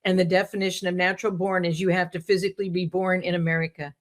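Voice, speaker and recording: A woman's voice: lowish voice, little pitch movement, fast talker. A woman guest in casual talk-show conversation, telling rambling stories with jokes and asides.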